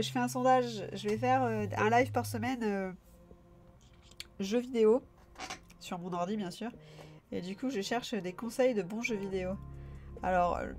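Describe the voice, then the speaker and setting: With a medium-pitched, slightly mellow voice, a young woman from France runs a live stream and chats informally with her viewers, her talk packed with fillers and false starts.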